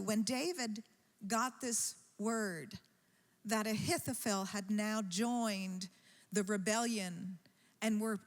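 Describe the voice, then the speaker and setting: A woman preaching a sermon in a church, telling a story slowly and with rising emphasis. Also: a little high, a bit bright. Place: church sanctuary. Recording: long church-hall reverb.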